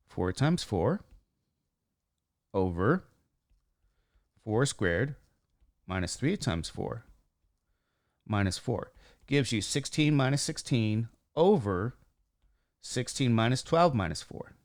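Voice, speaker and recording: A man with a slightly squeaky voice teaching math informally, talking through each step and posing questions he then answers himself. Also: no echo, studio quality. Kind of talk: informal worked-example lesson, thinking aloud.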